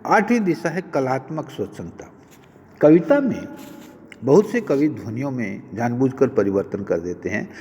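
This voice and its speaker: A man lecturing on linguistics, explaining each point with many spoken examples in a measured, teacherly way. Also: mid-range voice, big pitch swings, darkish tone, in a large hall. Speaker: Hindi lecturer. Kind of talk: recorded university lecture.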